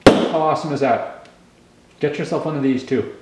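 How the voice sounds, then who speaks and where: Chewing gum as he talks, a channel host in his forties from Canada rambles through a casual tool demonstration on camera, full of ums and slightly mumbled. He speaks at normal speed in a voice on the high side. The room echoes heavily, and there is heavy background noise.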